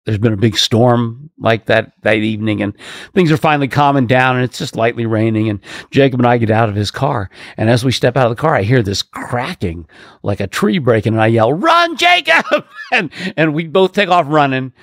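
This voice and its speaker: A man's voice: medium pitch, brisk, no echo, studio quality. A man co-hosting a casual podcast chat, telling stories animatedly and laughing often. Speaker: podcast co-host and performer.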